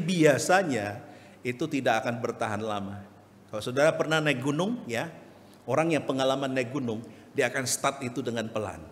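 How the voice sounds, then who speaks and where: A male evangelist preaching a sermon, telling funny stories and asking the congregation questions. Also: mid-range voice. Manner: humorous storytelling, asks the congregation questions. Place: church hall. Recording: long church reverb.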